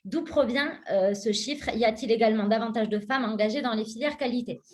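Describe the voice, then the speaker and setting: A woman's voice: fairly high pitch, brisk. A woman moderating an online round table, reading out audience questions with many hesitations.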